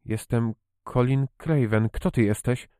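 A man reading the lines of a sickly, fretful young boy in a hushed, wary way. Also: mid-range voice, unhurried, smooth, no room sound, studio quality, close to an everyday voice. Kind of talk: audiobook character reading.

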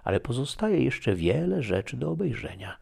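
A man reading aloud voicing a young noblewoman who guides a guest through a palace, earnest and pleading, with a husky, gravelly voice raised higher than his own. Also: very animated, moderate pace, a little mellow, full character voice. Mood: explaining.

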